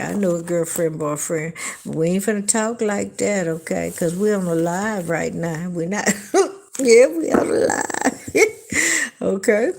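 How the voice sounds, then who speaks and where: Chatty woman tarot reader, low voice. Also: creaky, darkish tone. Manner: chatty, emphatic, often checks in with "okay?" and "all right". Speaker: tarot reader hosting a livestream. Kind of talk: casual live tarot reading with chat shout-outs.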